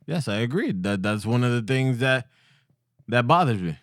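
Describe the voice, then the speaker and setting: A Dominican-accented man in a casual podcast chat, speaking bluntly and joking with friends. His pitch is mid-range but moves a lot. The recording is close and dry. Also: animated, moderate pace, fairly bright tone, dry recording. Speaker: podcast co-host. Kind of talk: casual chat mixing English and Spanish.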